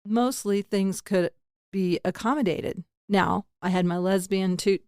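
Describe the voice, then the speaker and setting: A woman's voice: medium pitch, a little slow, darkish tone, no room sound, studio quality. A middle-aged woman hosting a podcast, talking frankly and rambling, often laughing at herself. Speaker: podcast host. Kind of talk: candid casual interview chat.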